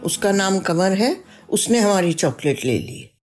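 A woman's voice: mid-range voice, expressive, unhurried, over music, close to an everyday voice. Woman voicing whiny little twin schoolgirls. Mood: complaining. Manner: plaintive, complaining.

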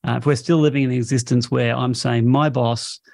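A man answers interview questions in a blunt, outspoken way, his voice carrying a gravelly rasp. The sound is dry and close, with no room echo. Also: mid-range voice, fairly even intonation, fast, a little mellow. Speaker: interview guest, company CEO.

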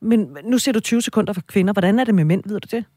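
A woman hosting a radio talk show, asking questions in a relaxed, frank way. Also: mid-range voice, no room sound, studio quality. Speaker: radio host. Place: radio studio.

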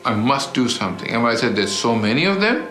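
A man's voice: mid-range voice, very animated, quick pace, fairly bright tone. A man from Karachi, Pakistan, a plastic surgeon, speaking about his work in an upbeat, matter-of-fact way. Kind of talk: interview clip. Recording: roomy clip with faint music.

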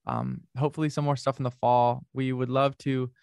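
A man's voice: medium pitch, sing-song, fairly quick, vocal fry, a little mellow, smooth, no echo. A young man from North America, a musician being interviewed, talking casually with lots of fillers and restarts. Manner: rambling, many fillers and restarts. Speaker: musician guest.

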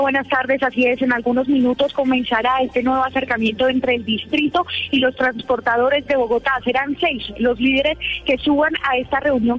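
A woman giving a live radio news report as a field reporter. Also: sits high. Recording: dull phone-line field report.

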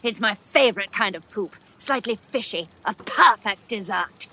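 A woman's voice: mid-range voice, animated, moderate pace, sharp tone. A woman voicing small cheeky creatures, a gross-out fly and a sleepy worm, in a children's audio story, chirpy and relishing. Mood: gleeful.

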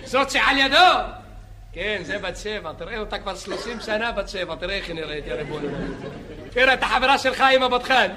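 A man playing a boastful, chatty beach lifeguard who rambles, jokes and yells at bathers in a comedy sketch. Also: high-pitched, expressive, a crowd in the background. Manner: rambling, joking, shouting at bathers. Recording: live audience laughter and noise. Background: audience laughing.

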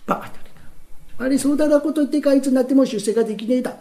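A man in a rakugo telling voicing a naive, softhearted rich country man who speaks in a thick rural dialect. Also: extremely high pitch, rapid-fire. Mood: blunt. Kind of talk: rakugo storytelling.

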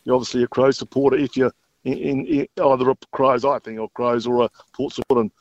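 A man's voice: medium pitch, steady tone, fast, a little mellow, dry recording. A mature Australian man chats as a guest on a phone-in. His delivery is a laconic, unassuming drawl, matter-of-fact as he reminisces. The sound is dry and a little dull. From South Australia. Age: middle-aged or older. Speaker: retired footballer, interview guest. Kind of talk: casual interview reminiscence. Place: phone call into a radio show. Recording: slightly dull phone-in audio.

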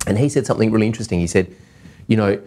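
A man's voice: on the low side, very fast, dark tone. A man hosting a podcast, talking earnestly and encouragingly about business in a casual chat. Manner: earnest, encouraging motivational talk. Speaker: podcast host.

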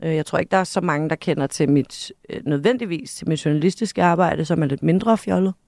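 A woman's voice: low-pitched, gravelly, a little mellow, no echo. A woman guest in a casual studio conversation, talking hesitantly with many fillers and dry self-mockery. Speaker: podcast guest, journalist. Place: radio studio.

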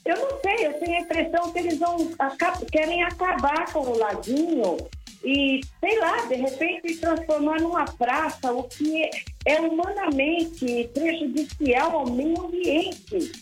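Earnest woman caller heard over a phone line, her fairly high voice pleading and stumbling over restarts. The line sounds echoey, and faint music plays underneath. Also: measured pace. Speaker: listener calling in to a radio show. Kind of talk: live call-in to a radio program.

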